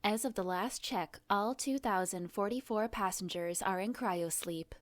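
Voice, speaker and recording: A woman voicing a menacing ship computer in a science fiction audio drama, refusing with flat, formal courtesy. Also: mid-range voice, a little slow, no room sound, clean studio sound, lightly acted. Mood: polite, detached. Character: eerily polite, menacing female rogue ship computer.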